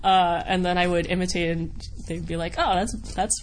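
In a lowish voice with flat delivery and a moderate pace, an American voice actor from Wisconsin gives casual, rambling interview answers. She's chatty and giggly, often self-deprecating, and there's noticeable noise in the background.

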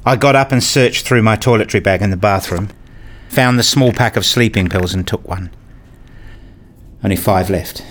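This man speaks on the low side at normal speed, in a voice close to everyday. As narrator and lead character of a radio play, he plays a brooding husband and father obsessed with rules, his first-person narration and dialogue introspective and pedantic.

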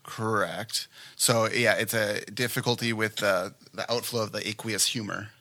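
Gravelly, bright-voiced man giving exam feedback. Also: on the low side, normal speed. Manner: relaxed, chatty, uses everyday analogies. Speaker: exam practice examiner. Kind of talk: casual teaching and feedback.

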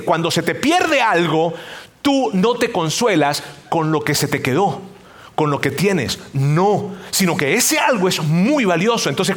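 A man's voice: high-pitched, a bit bright. A middle-aged man, preaching a conversational sermon and acting out the voices of people in his examples. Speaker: pastor.

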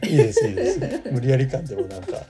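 A man's voice: medium pitch, wildly swooping pitch, very fast, a loud crowd. A man from Tokyo hosting a podcast in a casual, upbeat way, cheering and joking with his co-hosts. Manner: upbeat, playful, cheers and jokes. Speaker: podcast host and navigator.

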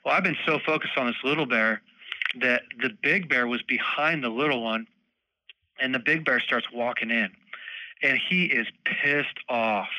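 A young man telling a story in a casual chat, animated, laughing often and acting out moments. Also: medium pitch, moderate pace, no room sound, rough recording. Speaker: podcast guest, bowhunter.

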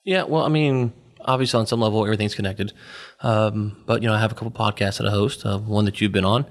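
A man's voice: lowish voice, fairly even intonation, quick pace. Rambling man telling a story. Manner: rambling, full of "you know" fillers. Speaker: podcast guest. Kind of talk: casual podcast storytelling.

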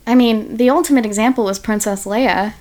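A woman's voice: a little high, brisk, a little mellow. A woman guest on a podcast, chatting casually, often laughing and making sarcastic asides. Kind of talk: casual chat.

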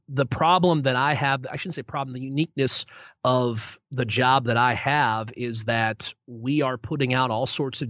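Here a young adult man who calls sports play-by-play speaks at medium pitch with a fairly bright tone. He answers interview questions in a self-deprecating, good-natured way and restarts many times, on a dull lo-fi recording with no echo.

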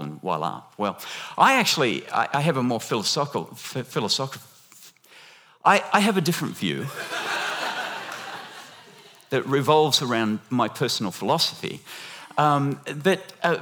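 A man delivers a sermon in an animated, conversational way, his voice rising and falling across a wide range. He stops and restarts often, fills pauses, and keeps turning to the congregation with chatty, joking asides. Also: medium pitch. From lived half in Australia, half in America. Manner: animated, halting with many restarts and fillers. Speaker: guest preacher. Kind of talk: sermon with audience interaction.

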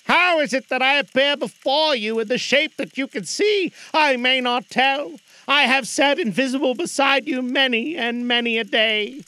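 A man's voice: extremely high pitch, normal speed, few pauses, pushed and bright, clean tone, dry recording, voice pushed up. A man voicing a mournful, chained old male ghost who speaks in a solemn, declamatory way.

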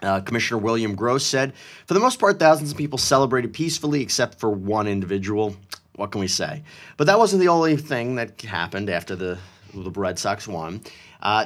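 A man co-hosting a relaxed talk show, his voice swinging up and down as he jokes around. He reads out the stories in a playful way and now and then slips into silly voices. His pitch sits in the middle. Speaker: podcast co-host. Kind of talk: casual chat.

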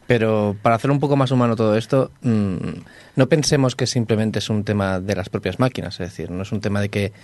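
A man co-hosting a casual podcast, explaining everyday scams in an earnest, deliberate way with fillers. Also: lowish voice, fairly even intonation, darkish tone, no echo. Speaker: podcast co-host. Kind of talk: casual chat.

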